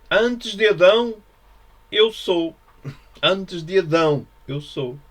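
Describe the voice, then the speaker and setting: A man with a European Portuguese accent talks through scripture in a loose, musing way, with a voice pitched a little above the usual for a man. He circles back over his points and keeps asking his listeners to agree. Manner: musing, repetitive, frequent tag questions. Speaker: religious teacher. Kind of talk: informal Bible study talk.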